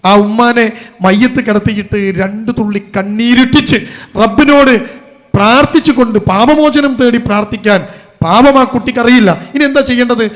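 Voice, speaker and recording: High-voiced man preaching emotionally. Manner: emotional storytelling, rising to emphatic appeals. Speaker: Islamic preacher. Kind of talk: sermon.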